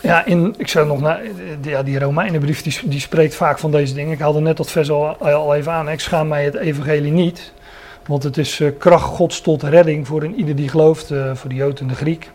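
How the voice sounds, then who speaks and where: A man's voice: on the high side, fairly even intonation, moderate pace, a little mellow. A man preaching a Bible-teaching sermon, earnest, stressing key words and restarting his sentences.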